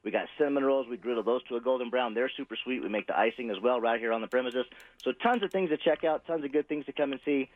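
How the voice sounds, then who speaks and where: A man's voice: medium pitch, fast talker, slight background noise. Upbeat salesy man on a tinny phone line. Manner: upbeat salesy, rattles off menu items. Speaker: restaurant caller promoting specials. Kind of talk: phoned-in radio promo. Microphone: telephone.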